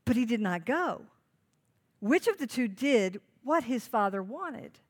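Lady pastor preaching, kinda high voice, repeats the big lines, keeps asking the crowd stuff. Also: expressive, measured pace. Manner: emphatic, repeats key phrases for note-taking; asks the listeners direct questions. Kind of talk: sermon.

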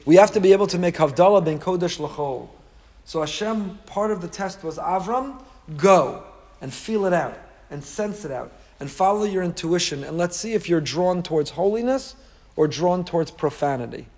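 New man preaching, higher-pitched voice. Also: expressive, moderate pace, a little mellow. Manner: emphatic, rhetorical questions, repeats key phrases for effect. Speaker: rabbi teaching a class. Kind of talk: sermon, Torah lecture to a live group.

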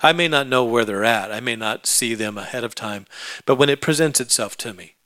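A man's voice: medium pitch, fairly quick, a bit bright, no echo. A man preaching a sermon, telling a personal story in a conversational way that builds into emphatic preaching.

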